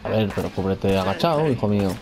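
A man's voice: on the low side, expressive, fast talker, crowd noise. A man giving casual let's-play commentary, talking to himself and his character, repeating phrases and swearing at enemies. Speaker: gamer playing a video game.

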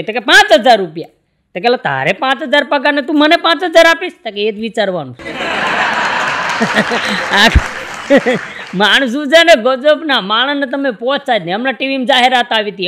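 Animated and a little fast, a stand-up comedian from Gujarat, India, spins folksy stories onstage and acts out their dialogue with shifting pitch. Crowd noise can be heard.

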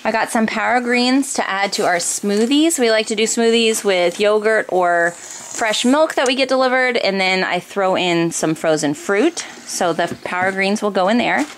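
In a kitchen or dining room at home, a thirty-something American mom who vlogs about family life chats informally through a grocery haul, going over household items one by one. She has a mid-range voice and a moderate pace. The handheld camera is close, and the recording is noisy with room sound.

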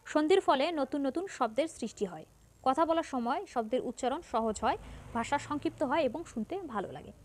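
A woman's voice: high-pitched, expressive, moderate pace. A woman teaching a grammar lesson to students, patiently explaining each point and repeating it.

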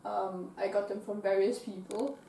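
A young woman from Austria answering interview questions in a small dorm bedroom, calm and reflective. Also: mid-range voice, moderate pace, gravelly, slight background noise. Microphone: far camera. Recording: roomy, distant camera sound.

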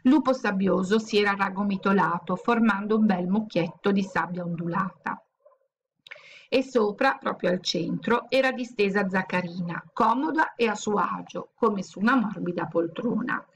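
Woman reading a children's story, gravelly. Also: medium pitch, normal speed. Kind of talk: reading a children's book aloud. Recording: dull lo-fi recording, faint hiss.

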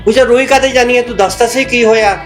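A man's voice: very high voice, steady tone, quick pace, reverberant, over music. An actor playing a man who has lost his house, lamenting and accusing. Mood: despairing. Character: ruined man wailing over lost home. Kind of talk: Punjabi web-drama acting.

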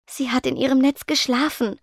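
A woman voicing a shy, nervous teenage ghost girl who speaks softly and stammers. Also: high-pitched, steady tone, normal speed, no room sound, clean studio sound, pitched above the performer's own voice. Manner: soft, stammering, timid.

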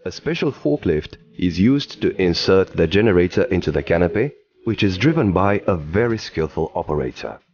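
A man giving scripted documentary narration in an even, explanatory delivery, recorded as a studio voice-over. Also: deep voice, normal speed, dry recording, muffled recording.

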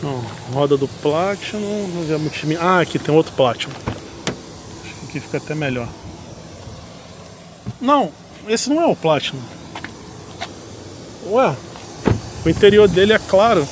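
A man with a Brazilian accent and a slightly high voice vlogs casually about cars. He thinks aloud in an informal way, in and around parked vehicles, with clear ambient noise behind him. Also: expressive, moderate pace, pauses often. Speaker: car reviewer. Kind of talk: casual car vlog.

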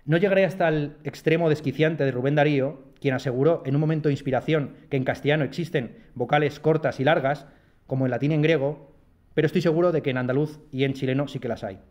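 A man's voice: on the high side, quick pace, darkish tone, dull audio. A man from Madrid with a Madrid Spanish accent, a philosopher reading a prepared lecture in a lecture hall, with wry, self-deprecating asides. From Madrid, Spain. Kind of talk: read-aloud lecture. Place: lecture hall at a university residence.

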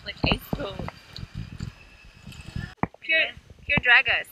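A giggly woman jokes around with friends in a small dinghy out on the water. Her voice is high and swoops about a lot, and it is drawn out and unhurried, with loud outdoor noise around her. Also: lively intonation, recorded from a distance. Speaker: vlog co-host. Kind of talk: casual chat.

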